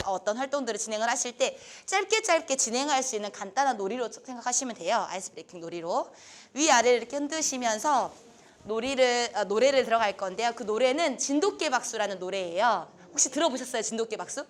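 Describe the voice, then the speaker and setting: Bright, high-voiced woman leading a class. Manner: upbeat and encouraging, guides a group step by step. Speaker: instructor leading a training class. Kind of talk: classroom instruction with a group game. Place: lecture room with adjustable lights.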